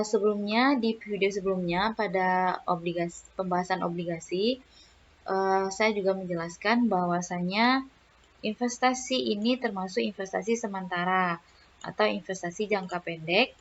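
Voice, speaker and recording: Lo-fi woman lecturing with filler words. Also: mid-range voice. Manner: explains step by step with many fillers and "ya" checks. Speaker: accounting lecturer. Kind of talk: recorded lecture over slides.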